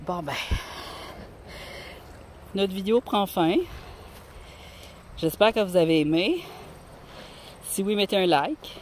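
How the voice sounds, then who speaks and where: A woman's voice: mid-range voice, takes it slowly, pauses often, darkish tone. Québécois woman vlogger, rambling and friendly, phone in hand, light wind-like ambience. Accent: Québécois French. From Quebec. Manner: chatty and rambling, talks to viewers. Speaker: rock-hunting vlogger. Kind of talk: casual outdoor vlog narration. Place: outdoors on a mountain. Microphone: handheld phone camera.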